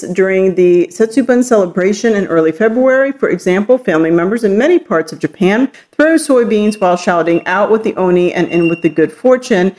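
A woman's voice: medium pitch, a little mellow. A woman hosting a podcast, talking casually into a handheld voice recorder in a chatty, rambling way. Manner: chatty, rambling, laughs now and then. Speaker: podcast host. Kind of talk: casual solo podcast talk.

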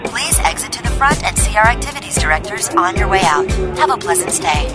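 A woman's voice: mid-range voice, lively intonation, fairly quick. Woman as a flight attendant over the intercom. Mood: announcing. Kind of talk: scripted show bumper. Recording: loud music bed underneath.

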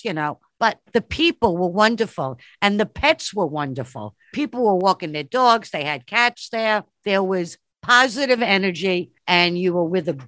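A woman's voice: mid-range voice, a bit bright, no echo. A woman talking casually and enthusiastically as a guest on a podcast. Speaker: podcast guest and fellow host.

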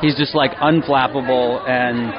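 A man's voice: mid-range voice, steady tone, a little slow. A man giving a casual interview as a dog owner at a busy event. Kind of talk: casual chat. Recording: dull sound in a noisy crowd. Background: crowd chatter.

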